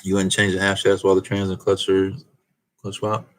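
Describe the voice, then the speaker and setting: A man's voice: sits low, completely flat delivery, fairly quick. A man hosting a casual live stream, reading viewer comments aloud and chuckling in a laid-back way. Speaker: host of a car channel live stream.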